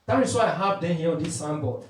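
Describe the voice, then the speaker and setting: A man's voice: on the high side, animated, fast, slight background noise. A man preaching a sermon with emphatic call-and-response, quoting scripture. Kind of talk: street sermon. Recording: echoey, from far off the mic.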